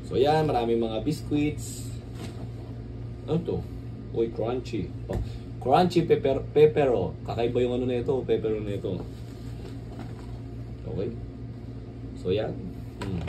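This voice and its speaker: A Filipino-accented man hosts a casual unboxing vlog, his mid-range voice lively in intonation but measured in pace, with long pauses. He tends to ramble and repeatedly asks tag questions as if seeking agreement. The mic is distant and the recording clearly noisy.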